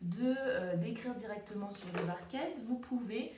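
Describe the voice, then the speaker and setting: A woman preschool teacher giving a home video lesson to young children, slow and gentle, sounding out words syllable by syllable, recorded on a tablet at home in the countryside. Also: mid-range voice, far from the mic, noisy background. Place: countryside home, flies around. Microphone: tablet camera. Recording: roomy tablet recording with faint ambience.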